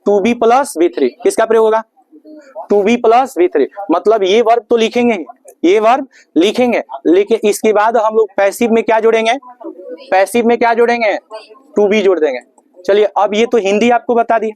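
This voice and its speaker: High-voiced man teaching English grammar. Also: darkish tone. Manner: asks questions and answers them himself, repeats key words; calls listeners "babu". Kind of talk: classroom lesson.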